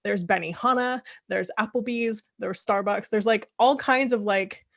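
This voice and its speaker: A woman's voice: mid-range voice, normal speed, creaky, a bit bright. A woman from California hosting a casual chat, talking in rambling asides and laughing often. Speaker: host.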